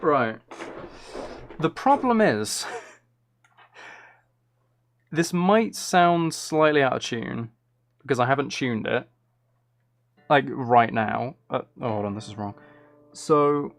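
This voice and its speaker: Animated yet slow, with vocal fry and frequent pauses, this British streamer muses aloud in a medium-pitched voice while working on music. A streaming microphone sits close to him.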